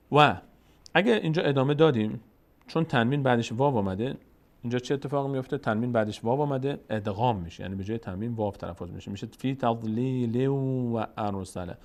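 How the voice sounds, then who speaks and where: Male recitation teacher, drawn-out chanting broken by brisk explanation. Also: mid-range voice, creaky. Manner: alternates drawn-out chanted syllables with quick spoken explanations. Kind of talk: tajweed lesson, spelling out and chanting verses slowly.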